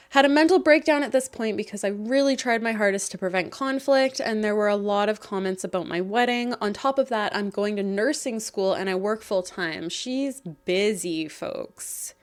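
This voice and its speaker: A woman reads stories aloud in a casual, conversational way and keeps breaking in with her own lively commentary. She speaks to the listener like a close friend. Her voice carries a slight croak. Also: mid-range voice, moderate pace. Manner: chatty, animated asides, talks to the viewer as babe. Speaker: host reading and reacting to online stories.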